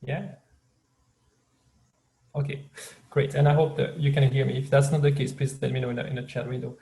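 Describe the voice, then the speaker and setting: A man's voice: medium pitch, level tone, brisk, gravelly, mellow, rough recording. French-speaking Swiss man, guest professor, upbeat presenter over a video call. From Switzerland. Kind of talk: online lecture.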